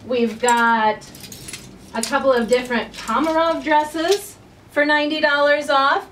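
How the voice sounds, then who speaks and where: A woman's voice: high voice, measured pace, fairly bright tone, recorded from a distance, a little hiss or hum. A woman who owns a boutique, chatting upbeat and directly to viewers as she presents a sale inside her shop. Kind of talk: casual promotional talk.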